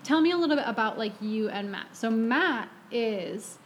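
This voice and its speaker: Higher-voiced young woman host. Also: animated, normal speed, slight background noise. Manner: friendly, affirming, lots of "yeah" and "mm-hmm". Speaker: podcast host. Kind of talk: casual interview.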